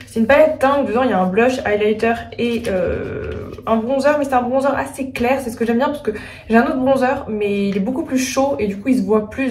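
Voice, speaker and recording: A woman's fairly high, darkish voice narrates an easygoing makeup tutorial. As a beauty vlogger, she is chatty and thinks out loud, with frequent hesitant "euh" fillers. Echo fills the room, and her voice comes across a little far from the microphone.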